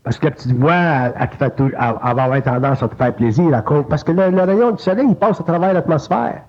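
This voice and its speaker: Un homme à l'accent québécois qui enseigne d'un ton familier et animé, sa voix grimpant soudain pour imiter une petite voix intérieure. Son timbre est un peu voilé, sans éclat. L'enregistrement, tiré d'une vieille cassette numérisée, sonne étouffé et lo-fi. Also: male voice, fast talker. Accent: Quebec French. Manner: colloquial, animated, jumps up in pitch to mimic an inner voice. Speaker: spiritual teacher. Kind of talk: informal spoken teaching. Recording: lo-fi digitized cassette tape.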